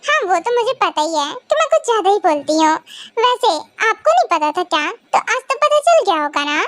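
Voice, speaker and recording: A cheeky young wife, voiced by a woman, fires off teasing, mocking comebacks in a hobby audio drama. Her voice is very high and sounds dry and close to the mic. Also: sing-song, normal speed, a bit bright, no room sound, heavily acted.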